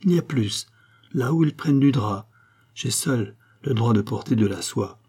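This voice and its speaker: A man reading aloud, voicing a calm, dignified king speaking gently to his wife. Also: mid-range voice, normal speed, husky. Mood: composed. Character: calm noble king, middle-aged man.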